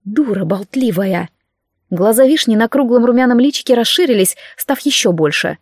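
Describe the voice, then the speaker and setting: A woman narrating a fantasy audiobook with even storytelling. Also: on the high side, a little fast, no room sound, studio quality.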